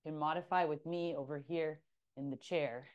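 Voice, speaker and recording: A woman with a fairly low voice runs a workout, calling out counts and instructions. Her coaching is upbeat and practical, with steady cues to keep going. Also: moderate pace, highs cut off. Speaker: fitness instructor. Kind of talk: guided workout cueing.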